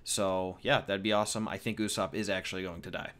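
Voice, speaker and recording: With a deep, level voice and a fairly bright tone, the 21-year-old American talks fast. The setting is a casual Q&A vlog where he answers viewers in a rambling, jokey manner, with fillers and repeats throughout.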